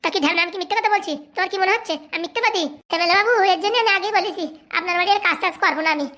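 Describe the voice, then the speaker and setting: A woman's voice: very high-pitched, very fast, bright, forceful tone. Woman doing a huffy cartoon manservant. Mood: indignant. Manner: indignant complaining. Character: aggrieved male servant, loyal and touchy.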